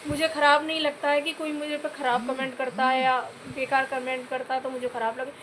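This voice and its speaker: Speaking directly to camera, this high-pitched Indian vlogger from Uttar Pradesh delivers a scolding commentary rant, repeatedly saying "bhai" to her viewers. Her pace is fairly quick and her tone level and a bit bright. She earnestly begs for comments, with a little noise in the background.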